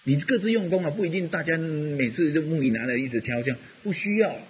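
A man's voice: fairly high pitch, expressive, quick pace, lo-fi sound, slight background noise. A man giving a rambling, conversational Buddhist dharma talk, full of fillers as he teaches.

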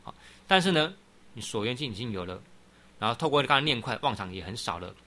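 A man's voice: medium pitch, animated, fast talker, sharp tone. A middle-aged man giving a Buddhist dharma talk, patiently explaining and often saying "好" between points. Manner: frequent "好" interjections, patient explaining. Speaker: Buddhist teacher. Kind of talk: dharma talk answering questions.

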